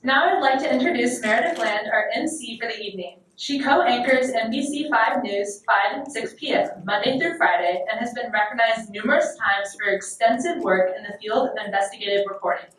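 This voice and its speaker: A woman's voice: a little high, fairly quick, hardly any pauses, a bit bright, a little hiss or hum. A woman reading prepared remarks, formal and grateful. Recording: echoey hall, distant mic.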